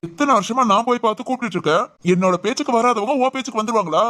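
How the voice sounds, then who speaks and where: A stern policeman husband, acted by a man, rattling off scolding lines at a brisk clip. His tone is mock-stern, with quick teasing comebacks. It plays out as an audio drama. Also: very high voice, sharp tone.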